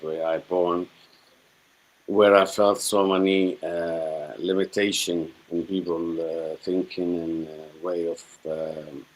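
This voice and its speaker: Here a spiritual healer from Syria, middle-aged and a native Arabic speaker, tells his life story as a guest in a Syrian accent. He sits low in pitch and speaks haltingly, repeating himself while searching for words, on a rough recording.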